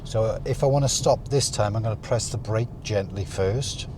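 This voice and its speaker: A man talking through a driving lesson as an instructor, calmly explaining each step while he drives. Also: fairly low pitch, normal speed. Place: inside a moving car. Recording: car interior with faint vehicle noise.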